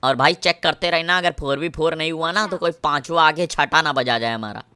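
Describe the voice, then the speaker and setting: A man with a Kanpur Hindi accent commentating his mobile gameplay, with swaggering, crude trash talk and shouts at enemies. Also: on the high side, fairly quick, clean tone, no echo. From Kanpur, India. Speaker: mobile gamer.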